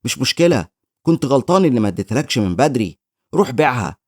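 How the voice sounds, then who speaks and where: A man voicing a poisoned, bedridden young man who speaks gently and sadly, with an Egyptian Arabic accent. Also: mid-range voice, sing-song, fast, no room sound, studio quality. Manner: sad, gentle.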